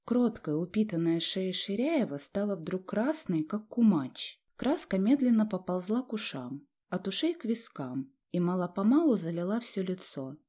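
A woman reading a story aloud as an audiobook narrator, with a measured storytelling delivery. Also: medium pitch, big pitch swings, darkish tone. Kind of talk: scripted narration.

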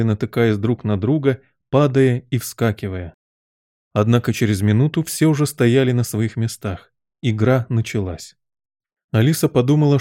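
A man reads a storybook aloud at a steady, even pace. His voice is dark and mellow, recorded dry and close with no room sound. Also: mid-range voice, dry recording. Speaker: audiobook narrator. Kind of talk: storybook narration.

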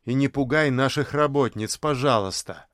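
A man reading aloud voicing a conciliatory middle-aged father who speaks in a soft, placating tone. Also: medium pitch, moderate pace, no room sound, studio quality, close to an everyday voice.

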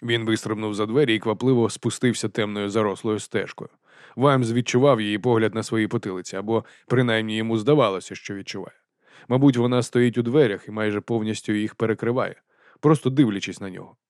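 A man narrating an audiobook in a calm, even storytelling manner. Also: on the low side, fast talker, dry recording, clean studio sound. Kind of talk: scripted narration.

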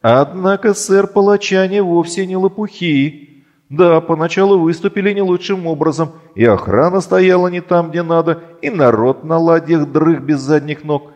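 A man's voice: a little high, normal speed, a little mellow, long reverb tail, muffled recording, voice pushed up, lightly acted. A man voicing a wry male inner voice that addresses the hero in a mock-formal way.

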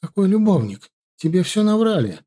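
A man voicing a frightened, sobbing wife who protests in a shrill, high voice. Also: very animated, moderate pace, mellow. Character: tearful frightened wife, young woman.

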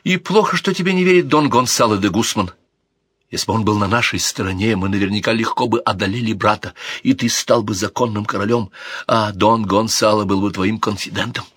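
A man's voice: on the low side, brisk, a bit bright, breathy edge, no room sound, clean studio sound. A man voicing a stern, proud princess who speaks in a cold, icy and commanding way. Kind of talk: audiobook character voice.

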